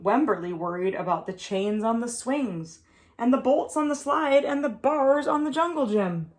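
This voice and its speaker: A woman preschool teacher with a mid-range voice reads a picture book aloud to young children. Her phrasing is expressive and deliberate, with words given emphasis.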